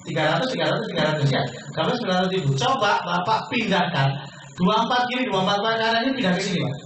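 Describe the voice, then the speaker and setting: A man giving a persuasive business sales pitch to a seminar audience, asking questions and answering them himself. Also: expressive, rapid-fire. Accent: Indonesian. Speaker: business presenter. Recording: echoey room from far off, faint noise.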